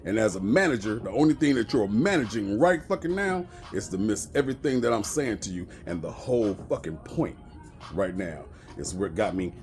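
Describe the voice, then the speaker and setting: A man's voice: on the low side, sing-song, a little fast, darkish tone, faint music behind. A middle-aged man telling a profane story about work in a casual vlog rant. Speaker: bus driver.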